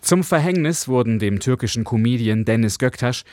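A male foreign correspondent reading a radio news report in a clear, measured way. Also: medium pitch, expressive, a little mellow, dry recording, clean studio sound.

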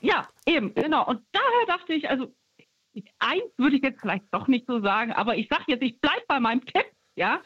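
A woman's voice: high-pitched, sing-song, a little fast, fairly bright tone, husky, no room sound. A woman in her fifties from Stuttgart calling in to a radio show, rambling and hesitant with many fillers. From Stuttgart, Germany. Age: 50s. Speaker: caller. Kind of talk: radio phone-in chat. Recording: dull lo-fi phone line.

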